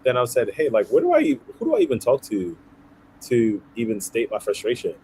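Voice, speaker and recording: A man in his thirties, originally from Haiti and raised in Brooklyn, is a nonprofit founder speaking earnestly as a guest in a conversational interview, often checking in with "right?". His mid-range voice swings hugely in pitch, runs a little fast and a little mellow, and the rough recording has slight background noise.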